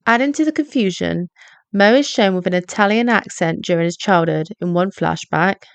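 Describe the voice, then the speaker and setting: A woman's voice: lowish voice, gravelly, smooth, no echo. Woman narrating a video essay. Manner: measured, explanatory. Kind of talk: scripted narration.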